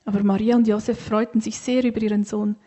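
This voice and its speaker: Female storyteller, gentle reading voice, soft breathy tone, mellow. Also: mid-range voice, flat delivery, fast.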